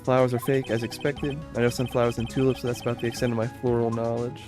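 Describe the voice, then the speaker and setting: A man's voice: medium pitch, little pitch movement, quick pace, music in the background, close to an everyday voice. Earnest male defense lawyer read by a man. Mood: pondering, suspicious. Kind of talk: video game dialogue read aloud.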